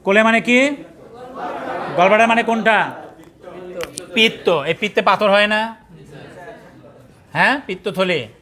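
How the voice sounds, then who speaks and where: Slow and high-voiced with frequent pauses, a Bangladeshi-accented pathology trainer lectures his class. Between quizzing students and spelling out terms letter by letter, he scolds latecomers and jokes in colloquial speech.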